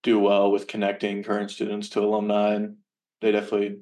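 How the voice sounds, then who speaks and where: Sounding a good way from the microphone, a man in his early twenties gives casual interview answers as a podcast guest. His voice is on the low side and very monotone. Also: quick pace. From Virginia, United States. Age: early 20s. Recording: distant from the microphone.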